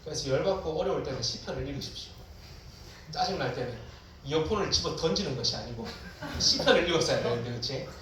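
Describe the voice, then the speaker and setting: A man preaching to a room of students, his fairly high voice ringing through a large echoing hall. He sounds set back from the mic, with a faint hiss underneath. He moves between relaxed chatter and loud, dramatic cries of prayer. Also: quick pace, far from the mic. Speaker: pastor. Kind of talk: sermon.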